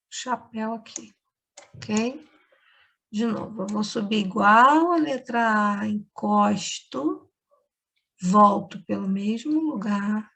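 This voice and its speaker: Brazilian woman teacher, slow patient explaining, fairly high voice, lesson for kids. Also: gravelly, a bit bright, slightly rough. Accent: Brazilian Portuguese. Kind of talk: remote class lesson for children.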